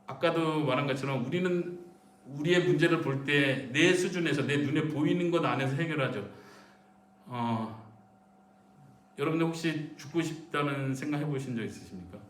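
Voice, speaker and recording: A man preaching in a church sanctuary, his fairly high voice carried across a reverberant room. He sounds set back from the microphone, speaking emphatically and putting questions straight to the congregation. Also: normal speed, a little hiss or hum. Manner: dramatizes pleading prayers in a raised voice. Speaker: missionary preacher. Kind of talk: sermon. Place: church sanctuary during a midweek service. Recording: echoey church room, voice from a distance.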